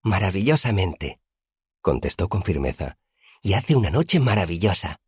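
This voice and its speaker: A man voicing a tiny, whimsical young woman with a lilting, playful manner in an audiobook, with a husky voice. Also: low voice, very animated, normal speed, darkish tone, dry recording, studio quality, pitched above the performer's own voice, full character voice. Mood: cheerful.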